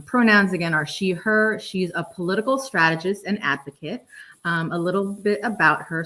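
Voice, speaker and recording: Woman, host, livestream, friendly, filler-heavy, slightly low voice. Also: a bit bright, rough recording. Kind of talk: livestream hosting.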